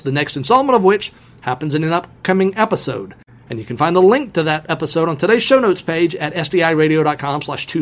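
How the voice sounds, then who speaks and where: A man hosting his own podcast who explains things in a folksy, emphatic way and speaks to his listeners as friends. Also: fairly high pitch. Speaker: podcast host. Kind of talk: solo explanatory podcast talk.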